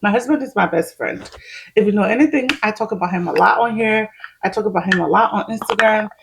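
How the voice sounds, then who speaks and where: A woman's voice: mid-range voice, quick pace, gravelly, background noise. A woman, chatting casually at home while doing her makeup, laughing often as she explains each step. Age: 30s. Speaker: vlogger.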